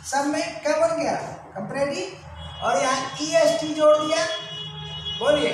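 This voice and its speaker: A woman's voice: high-pitched, measured pace, faint music behind. A woman teaching an English grammar lesson, drilling pronunciation with repeated quiz questions to her students. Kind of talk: classroom-style grammar lesson. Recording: very echoey room, faint background noise.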